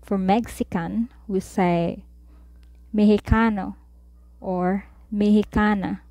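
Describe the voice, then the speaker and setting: Woman, language tutor, very slow, mellow tone, dry close sound. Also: mid-range voice, steady tone, no echo. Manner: says each word, then repeats it slowly. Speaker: Spanish tutor. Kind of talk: slow vocabulary lesson.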